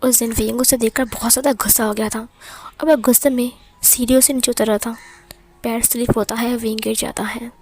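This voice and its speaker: A woman retelling fan fiction as a storyteller, in plain, steady narration. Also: on the high side, fairly quick.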